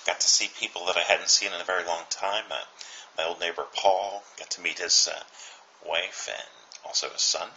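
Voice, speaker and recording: A middle-aged man delivers a reflective daily motivational message in an unhurried, earnest way, pausing often. His voice sits very low yet comes across bright and forceful. A faint hiss of room ambience runs underneath. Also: steady tone, lo-fi sound. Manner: earnest, unhurried, with many fillers and pauses.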